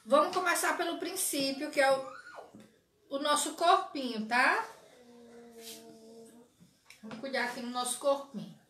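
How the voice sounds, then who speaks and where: A woman's high-pitched voice comes through unhurried and a bit bright, with frequent pauses, a roomy sound and a little hiss or hum. She's in her forties, chatting through a live sewing tutorial in a small indoor craft studio with dolls on the shelves, greeting viewers by name and often saying "certo?"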